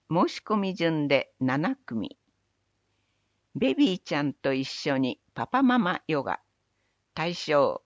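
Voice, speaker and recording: Low-voiced woman reading city notices. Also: no room sound, muffled recording. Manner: measured, even recital of dates and phone numbers. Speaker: city announcer. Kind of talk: scripted public announcement reading.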